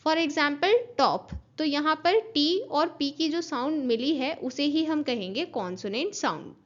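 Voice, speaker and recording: High-voiced woman teaching a class. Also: unhurried. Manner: explains step by step, spells out letters, checks in with "understood?". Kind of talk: online class lecture mixing Hindi and English. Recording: dull lo-fi recording.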